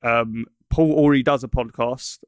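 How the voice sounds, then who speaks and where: A man's voice: mid-range voice, fairly even intonation, normal speed, clear, resonant tone, dry recording, clean studio sound. A man co-hosting a casual podcast, joking around and rambling with frequent restarts. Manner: joking, rambling, self-interrupting. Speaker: podcast co-host. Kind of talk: casual chat.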